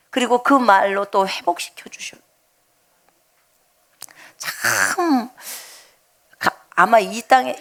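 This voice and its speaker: A middle-aged woman missionary preaching a sermon, telling a personal testimony with emotional outbursts and hushed asides. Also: high voice. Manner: emotional storytelling, shifts between loud outbursts and hushed asides.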